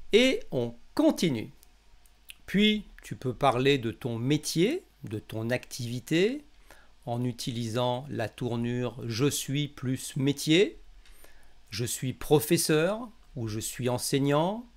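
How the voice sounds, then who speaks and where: Here a man from France, medium-pitched and French-accented, instructs listeners in a language. His delivery is didactic, and he enunciates the sample phrases carefully.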